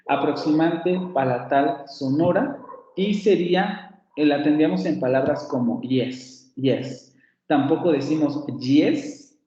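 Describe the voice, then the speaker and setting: A male professor giving an online phonetics class, explaining at length and repeating example words slowly. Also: a little high, heavy reverb, muffled recording, noisy background.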